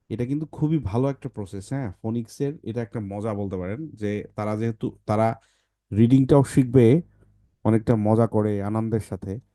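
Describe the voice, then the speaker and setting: A man's voice: on the low side, mellow, no room sound, clean studio sound. A man teaching phonics, explaining the method to parents and often checking in with short questions.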